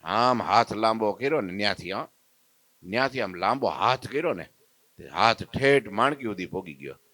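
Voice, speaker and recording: A man, a preacher telling a devotional story in a lively way and acting out its characters. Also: on the low side, normal speed, no echo. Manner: lively, acts out the story's characters in their voices.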